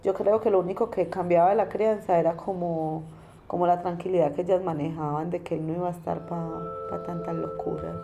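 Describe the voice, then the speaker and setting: A woman's voice: lowish voice, fairly even intonation, brisk, creaky, dark tone, soft background music. A young woman telling her own life story in a plain, conversational way, often repeating herself. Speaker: interviewee. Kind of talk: personal testimony.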